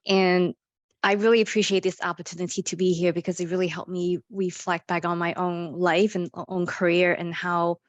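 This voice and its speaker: Lower-voiced woman panelist from Hong Kong. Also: flat delivery, no room sound, lo-fi sound. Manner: thoughtful, slightly halting. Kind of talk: casual reflective talk.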